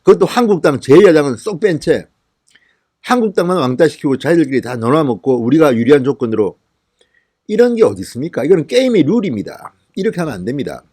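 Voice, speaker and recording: Indignant male political commentator, lively pitch. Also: fairly quick, slightly rough, no echo, clean studio sound. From Gyeongsang region, South Korea. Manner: indignant, rhetorical questions, emphatic.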